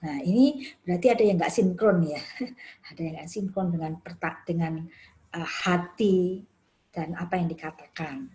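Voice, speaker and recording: A woman's voice: fairly low pitch, normal speed, long pauses. Indonesian woman teaching counseling, "ya" tags. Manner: warm explanatory, frequent "ya" tags. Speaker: counseling trainer.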